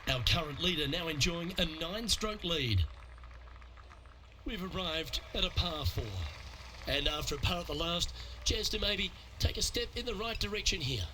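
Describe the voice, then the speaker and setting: A man working as the lead golf commentator in a sports video game, calling play in a measured, composed broadcast style. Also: high-pitched, animated, noisy background. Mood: composed, approving.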